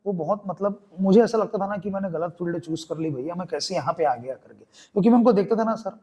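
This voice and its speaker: A man's voice: sits high, fast, dark tone, husky. A young man from Chhattisgarh with a Chhattisgarhi Hindi accent, a theatre artist telling his story in a podcast interview and acting out the voices of the people in it.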